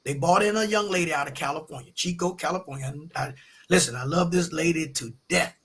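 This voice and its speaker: A middle-aged man telling a story in a colloquial, animated way, often acting out the people he quotes. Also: fairly high pitch, fairly quick, breathy edge. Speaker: podcast guest. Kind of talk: casual storytelling.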